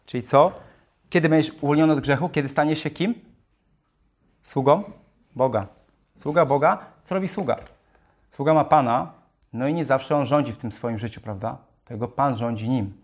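A man's voice: medium pitch, normal speed, long pauses. A man preaching a sermon, reading Bible verses aloud and explaining them, often asking his listeners questions and repeating phrases.

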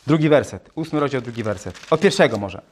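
A man's voice: medium pitch, lively intonation, quick pace. A man preaching a sermon, reading Bible verses aloud and explaining them, often asking his listeners questions and repeating phrases.

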